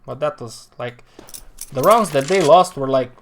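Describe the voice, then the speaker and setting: A man's voice: on the high side, animated, measured pace, a bit bright, a little hiss or hum. A man live-streaming esports match analysis, talking in an exasperated, rambling way with frequent sighs.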